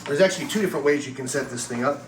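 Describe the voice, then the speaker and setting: A man races through a casual product review and demonstration, explaining things plainly in a mid-range voice. The recording is roomy, with a distant mic and background noise.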